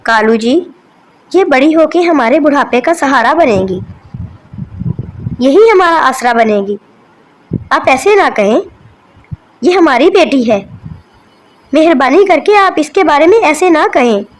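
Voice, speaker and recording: A woman doing a soft pleading mother crow. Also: high-pitched, expressive, measured pace, long pauses, a little hiss or hum, pitched above the performer's own voice. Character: gentle grieving mother crow, female.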